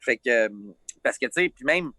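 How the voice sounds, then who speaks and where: Casual singer, male, strong Lac-Saint-Jean Quebec accent, loose and chatty, average pitch, close and dry. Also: moderate pace, no echo. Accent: Lac-Saint-Jean Quebec French. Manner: relaxed, rambling storyteller. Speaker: singer, interview guest. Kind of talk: casual chat. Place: outdoors.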